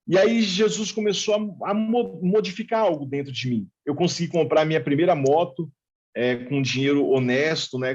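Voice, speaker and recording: Pastor, middle-aged man with a high voice, tells his story vividly and does all the dialogue himself; lo-fi stream audio. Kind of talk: personal testimony in a live chat. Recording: dull lo-fi live-stream audio.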